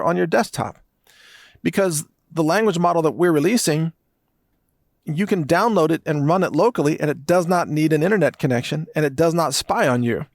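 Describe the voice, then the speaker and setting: A middle-aged man hosting a podcast, delivering an emphatic monologue that builds through long lists of phrases. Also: on the high side. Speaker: podcast host. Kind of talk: monologue commentary.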